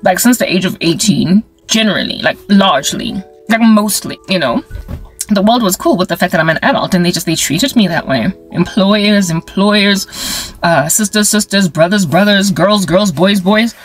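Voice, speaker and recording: With faint music in the background, a South African woman in her forties talks to camera at normal speed and medium pitch. She is a vlogger and ministry creator whose casual, wry monologue is animated and playful, sprinkled with sound effects and local-language phrases.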